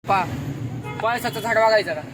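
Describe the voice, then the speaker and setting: A man filming a casual travel vlog from an auto rickshaw on a phone, chatty and excited, always telling viewers to look. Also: high-pitched, moderate pace, music in the background. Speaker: vlogger. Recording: loud road noise and chatter.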